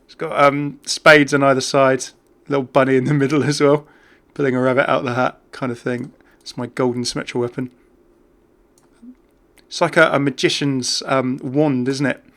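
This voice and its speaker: This British man hosts a gaming video, keeping up chatty, casual commentary off the cuff and seeming easily amused. His voice is medium in pitch and a touch bright, with a level tone and a moderate pace.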